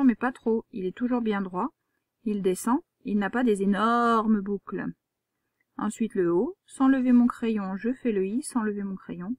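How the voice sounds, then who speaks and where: A woman's voice: a little high, dry recording, studio quality. A woman, a primary school teacher giving a patient, step-by-step handwriting lesson to a young child.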